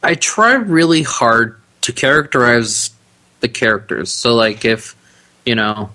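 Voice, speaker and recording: Bright-voiced chatty man. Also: medium pitch, measured pace. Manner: relaxed and chatty, laughs easily. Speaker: podcast guest, audiobook narrator. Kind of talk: casual interview chat.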